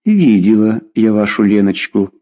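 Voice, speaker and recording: A man reading a story aloud, voicing a nosy, sharp-eyed old woman neighbor who boasts about herself. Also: lowish voice, animated, unhurried, highs cut off. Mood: telling. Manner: fussy, boastful.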